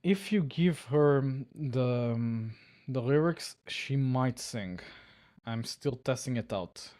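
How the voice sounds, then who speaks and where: A man's voice: medium pitch, expressive, slow pace, mellow. A man hosting a live coding stream, talking casually with his chat. He chuckles often and trails off mid-sentence.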